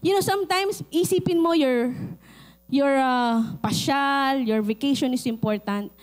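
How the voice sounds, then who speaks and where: A middle-aged woman pastor with a Filipino accent, preaching a sermon and telling lively personal stories. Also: sits high, a little slow. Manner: animated storytelling, acts out quoted voices.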